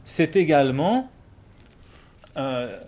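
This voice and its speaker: A man from Belgium with a Belgian French accent, explaining Bible principles in a measured, conversational way with everyday examples. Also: a little high, sing-song, a little mellow. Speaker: Bible discussion speaker.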